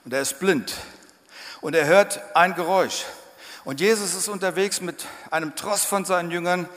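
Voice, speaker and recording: A man preaching a sermon in church, emphatic and dramatic, sometimes breaking into loud shouts. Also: high voice, normal speed. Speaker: pastor. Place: church hall. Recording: church hall reverb.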